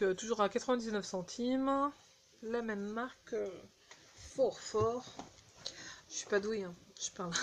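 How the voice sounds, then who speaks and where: Slow-talking chatty woman on a phone mic. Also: fairly high pitch. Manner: chatty, halting, frequent restarts and fillers. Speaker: beauty vlogger. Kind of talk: casual haul video.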